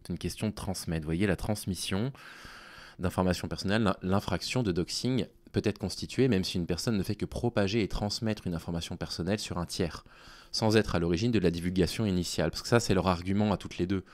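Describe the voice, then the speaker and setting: A man who makes online videos addresses his audience informally about his own situation, his low voice tired, small and worn-out. He speaks haltingly and hesitantly with long gaps, recorded with no echo.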